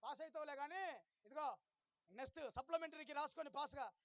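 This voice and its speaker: Man, pastor, very high voice, dramatic storytelling sermon, hushed to shouting, rallies the congregation. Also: fast talker, no room sound. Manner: dramatic, swings between hushed and shouted, urges the crowd to shout and clap. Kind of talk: storytelling sermon at a revival meeting.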